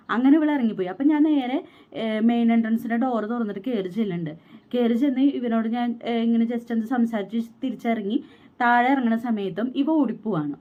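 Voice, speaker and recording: A slightly high female voice comes through narrow, tinny audio. The speaker is a pregnant young vlogger telling her own story quickly and with indignation, quoting dialogue from the people involved.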